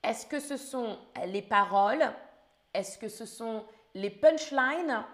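A woman with a slightly hoarse voice teaching French on a live stream, speaking slowly and carefully and spelling words out letter by letter. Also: a little high, animated. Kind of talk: live-streamed language lesson quiz.

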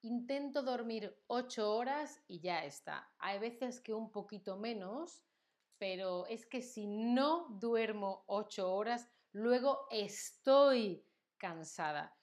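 A woman's voice: on the high side, animated, slow pace. A woman from Spain with a Spanish accent, teaching a live-streamed language class with acted examples and frequent check-ins.

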